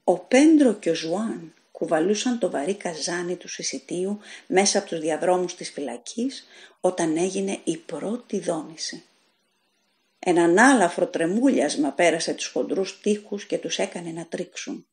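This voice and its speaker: A woman reads a short story aloud in a fairly low voice, taking a steady, deliberate pace. Her delivery is measured and dramatic, in the manner of a practiced audiobook narrator.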